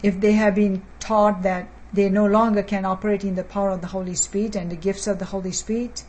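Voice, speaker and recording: Measured woman preacher repeating phrases. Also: mid-range voice, flat delivery, a little mellow, poor audio. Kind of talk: sermon teaching.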